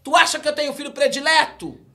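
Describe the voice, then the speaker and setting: A commanding divine voice rings out with loud, firm lines, put on by a Brazilian pastor retelling his story. The tone stays high and declaiming. It is the voice of authority inside a spoken testimony. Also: normal speed, noisy background. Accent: Brazilian Portuguese. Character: commanding divine voice of God speaking to a believer.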